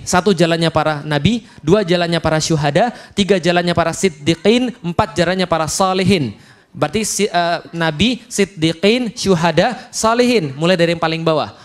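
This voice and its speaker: A man with an Indonesian accent preaching a lively, humorous sermon at a study gathering, acting out quotes dramatically. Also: sits high, fairly quick. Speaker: Islamic preacher.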